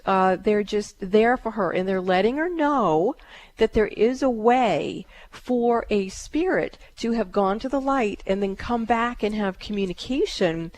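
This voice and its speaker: Calm woman radio psychic host. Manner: calm, soothing, with frequent fillers; chants in a high drawn-out voice. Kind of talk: call-in radio talk.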